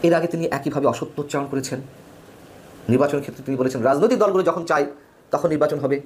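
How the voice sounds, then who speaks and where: A man giving opinionated political news commentary, emphatic, with his pitch swinging widely between phrases. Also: fast talker.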